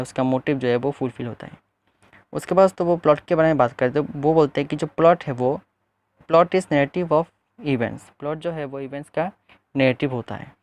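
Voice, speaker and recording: A man's voice: medium pitch, darkish tone. Guy going over a novel study for his channel, says "friends" a lot, repeats himself, fillers. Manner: addresses viewers as friends, repeats points with hesitant fillers. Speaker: literature teacher. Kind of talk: explaining a book to viewers.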